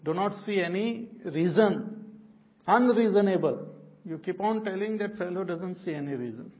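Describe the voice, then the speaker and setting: A man's voice: sits high, expressive, moderate pace. A man with a North Indian accent giving a religious discourse as a spiritual teacher, repeating key words for emphasis and slipping between English and Hindi. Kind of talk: religious discourse explaining Sanskrit terms to listeners. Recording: dull lo-fi audio.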